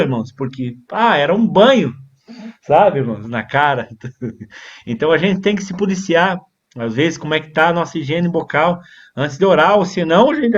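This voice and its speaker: A man teaching a church leadership class on preaching, reading from notes and then drifting into chatty asides to his brothers. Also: a little high. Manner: reads from a text then digresses into chatty asides with "né, irmãos". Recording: dull lo-fi recording.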